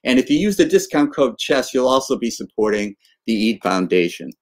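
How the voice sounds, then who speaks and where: Man, 60s, video-call host, halting delivery, fillers, average pitch. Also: big pitch swings. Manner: halting, many fillers and restarts. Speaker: interview host. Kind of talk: casual video-call interview with a sponsor read. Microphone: webcam on video call.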